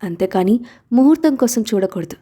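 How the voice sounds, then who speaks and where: A woman reading a storybook who voices a calm, loving young father, gentle and teasing when he speaks. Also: fairly high pitch, moderate pace.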